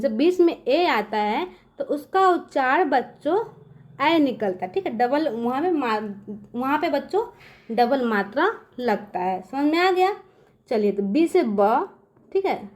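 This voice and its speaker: High-pitched woman teaching a phonics lesson. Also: darkish tone. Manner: slows down and stretches sounds to spell out words letter by letter. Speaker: English teacher. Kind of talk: classroom-style lesson explaining phonics rules.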